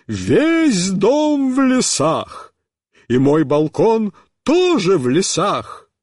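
A fussy middle-aged neighbor woman, put on by a male reader, squeals in a high, shrill voice. She huffs with constant indignation, her pitch leaping all over the place in a close, dry storybook reading. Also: huge pitch swings, slow pace, a little mellow, no room sound, full character voice. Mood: indignant. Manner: indignant, huffing, boiling over.

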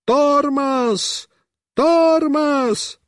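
Man putting on a yelling young boy, high strained voice, storybook reading, dry close sound. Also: extremely slow, no echo, exaggerated voice. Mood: shouting excitedly. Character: excitable young boy yelling back at a friend.

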